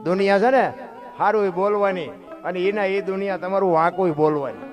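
Folksy high-voiced man telling devotional tales. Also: music in the background. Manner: fervent, folksy, swings into drawn-out sung phrases. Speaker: dayro storyteller and bhajan singer. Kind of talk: devotional storytelling with sung bhajan lines.

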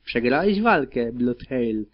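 A man voicing a cruel, haughty female griffin arena champion who speaks loud and commanding, on a dull lo-fi recording. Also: mid-range voice, lively intonation, a little slow. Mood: gloating.

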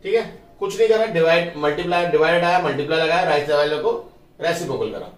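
A man's voice: a little high, expressive, quick pace, distant mic. A man teaching math in a casual classroom style, talking through each step of the working and checking that pupils follow. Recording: roomy, from off the mic.

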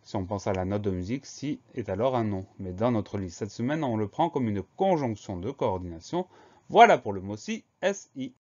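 A man teaching a spelling lesson, spelling words out letter by letter in a slow, careful way. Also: fairly low pitch, expressive, a little mellow, muffled recording.

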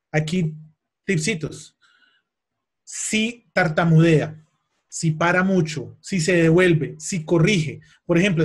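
A man teaching an English exam webinar, emphatic and repeating key points, asking his audience questions. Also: high-pitched. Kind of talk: webinar lesson.

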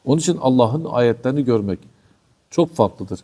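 A man's voice: medium pitch, expressive, normal speed, warm tone, breathy edge. A man giving a passionate religious commentary talk as a teacher, scolding and full of rhetorical questions. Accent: Turkish.

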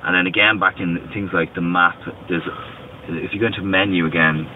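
Deep-voiced man explaining car features. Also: steady tone, a little fast. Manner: patient, step-by-step explaining with restarts. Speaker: car company representative. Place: inside a parked car. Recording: distant, tinny, lo-fi with faint noise.

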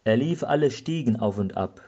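A male pastor giving a slow, measured Advent sermon. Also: medium pitch, animated, warm tone, lo-fi sound.

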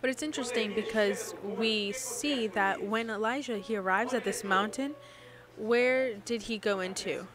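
A woman's voice: mid-range voice, measured pace, crowd noise. Woman interpreting a sermon, congregation behind. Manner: preaching cadence with rhetorical questions to the congregation.

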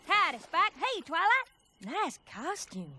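Applejack, folksy Southern farm pony. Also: female voice, extremely high pitch, wildly swooping pitch, takes it slowly, slight background noise, heavily acted. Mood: friendly. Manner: folksy, easygoing. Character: friendly country earth pony mare, farmer. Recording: over loud cartoon music.

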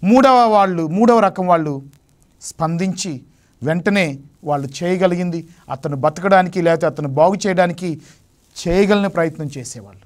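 High-voiced man preaching emphatically. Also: normal speed. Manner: emphatic preaching, rising sharply on key phrases. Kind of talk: Lenten sermon. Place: television studio.

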